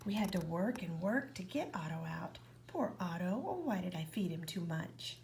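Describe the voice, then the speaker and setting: A woman reading a children's picture book aloud, with expressive narration that often drops to a whisper. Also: on the low side, normal speed, vocal fry, a little hiss or hum. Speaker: reader.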